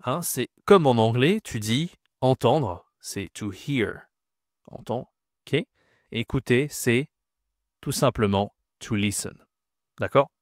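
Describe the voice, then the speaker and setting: A male French teacher gives a vocabulary lesson at a slow, deliberate pace. He repeats each word with care and keeps checking that the learner follows. The sound is dry and close, with no room echo. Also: mid-range voice, lively intonation.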